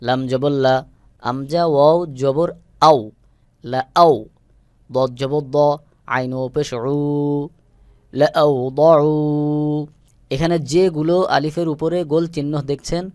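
On a dry recording, a man with a fairly high, slightly mellow voice teaches Quran reading. Going slowly syllable by syllable, he spells out every letter and its vowel, then blends them into the word.

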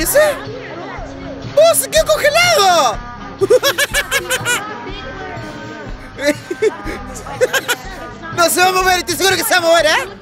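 High-voiced excitable man gaming. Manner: excitable, laughs often, shouts at the game. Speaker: gamer. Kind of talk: casual gameplay commentary.

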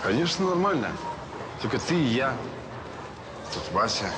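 Sardonic policeman dad played by an actor, animated delivery. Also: medium pitch, normal speed, very noisy, close to an everyday voice. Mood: coaxing, playful. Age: middle-aged. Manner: sarcastic, repeats others' words back. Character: roguish policeman father, sardonic and excitable. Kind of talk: naturalistic TV series acting.

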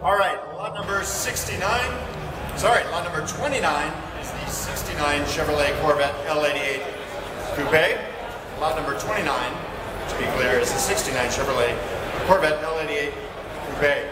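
A man presenting cars at a live auction, listing each lot's details crisply. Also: on the high side, moderate pace. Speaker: auction presenter describing lots. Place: large auction hall with a crowd. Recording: echoey hall from far off, loud crowd noise.

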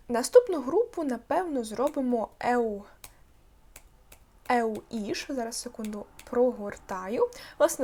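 Female language teacher, slightly high voice, patient step-by-step explainer. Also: dark tone. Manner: explains patiently, sounds out words slowly with stress. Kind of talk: online language lesson.

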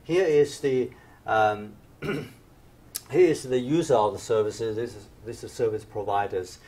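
A professor invited to give a conference lecture speaks in a low, darkish voice, a little slowly. Standing by the projector screen in a dim lecture room, he's hesitant, with many fillers and restarts.

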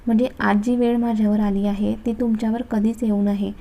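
A woman voicing a gentle young wife who speaks softly and pleadingly. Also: a little high, little pitch movement, fairly quick, lightly acted. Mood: sad.

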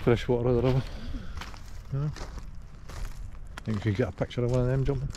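A man's voice: medium pitch, fairly even intonation, a little fast, warm tone. An older man with a Scottish accent, chatting casually with dry humour as a travel vlogger, in a car and outdoors by the sea, recorded on a handheld action camera. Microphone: action camera held at arm's length. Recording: wind and traffic noise. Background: car and outdoor ambience.

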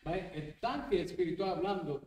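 A man's voice: sits high, expressive, moderate pace, darkish tone, reverberant, distant mic, low-quality recording. A man leading a Bible study as pastor, talking animatedly and dropping English tag words into his teaching. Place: church.

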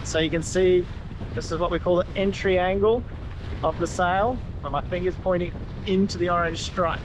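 A man's voice: sits high, steady tone, moderate pace. A man explaining sail trim in a casual, hands-on way while standing on the deck of a catamaran at sea, pointing things out as he goes. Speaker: sailing instructor. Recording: loud wind noise on the mic outdoors.

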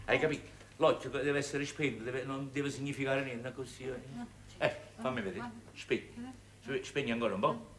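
A man's voice: medium pitch, animated, a bit bright, roomy sound, a little hiss or hum, lightly acted. An actor playing a scheming middle-aged man who stages a fake scene of misery, in a stage comedy. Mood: bossy. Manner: bossy, quick, theatrical coaxing. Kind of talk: 1960s Neapolitan stage comedy.

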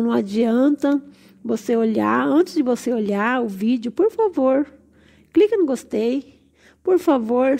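A woman's voice: medium pitch, creaky, dark tone. A woman hosting a casual vlog, gushing with delight, her voice nasal and stuffy from a cold. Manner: effusive, gushing exclamations. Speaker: channel host. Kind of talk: casual plant-tour vlog.

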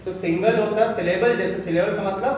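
A man teaching a lesson, explaining slowly, repeating terms and spelling words out letter by letter. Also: high voice, a little mellow, slight background noise. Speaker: English teacher. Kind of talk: Hindi lesson on English spelling. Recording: very echoey room from far off.

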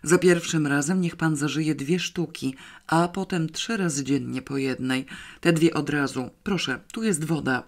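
A man's voice: fairly high pitch, unhurried, gravelly. A reader voicing a nervous, morose male pharmacy manager who gets worked up and raises his voice. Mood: agitated. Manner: agitated, then gloomily reassuring.

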